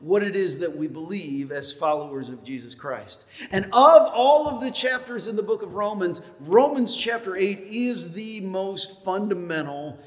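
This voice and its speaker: Joking pastor in a reverberant church. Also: male voice, high voice, animated, moderate pace, few pauses. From upstate New York. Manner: folksy, joking, with many fillers. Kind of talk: sermon. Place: church sanctuary. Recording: long hall reverb in a church.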